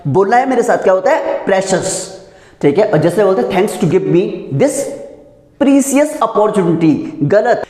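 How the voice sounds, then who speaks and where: A male English pronunciation teacher with an Indian accent drills a spoken-English class, asking questions and answering them himself over and over. His voice sits high, with lively intonation, a measured pace and a warm tone. The room is very echoey, with long reverb.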